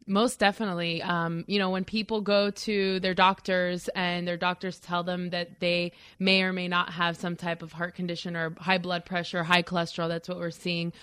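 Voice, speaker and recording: Smooth-voiced woman radio guest from Florida. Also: lowish voice, level tone, normal speed, hardly any pauses, a bit bright, dry recording, clean studio sound. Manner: earnest, explanatory, some fillers. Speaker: guest from a nonprofit. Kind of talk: radio interview answers.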